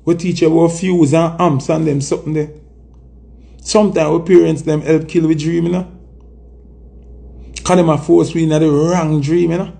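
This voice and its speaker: A man's voice: on the high side, steady tone, normal speed, vocal fry, pauses often, mellow. A man in his thirties with a Jamaican accent, speaking Jamaican Patois in an emphatic, reflective casual chat to camera. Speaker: music personality, vlogger. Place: small indoor room. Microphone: phone at arm's length.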